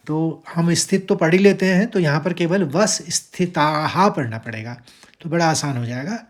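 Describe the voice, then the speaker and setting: Slow, patient Indian man teaching verse recitation. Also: a little high. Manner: slow, drawn-out chanting of verses, patient step-by-step explanation. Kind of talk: teaching Sanskrit verse pronunciation.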